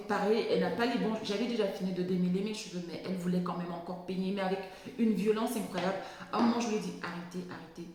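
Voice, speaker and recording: A woman, talking casually and haltingly as she explains and tells anecdotes, often repeating words as she searches. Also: mid-range voice, a little mellow. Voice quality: lisp on s sounds. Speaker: video blogger on natural hair. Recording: very echoey, reverberant room.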